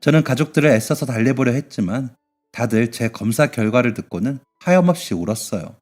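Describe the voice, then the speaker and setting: A man reading a scripted first-person story in an even, measured way. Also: medium pitch. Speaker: story narrator. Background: faint music.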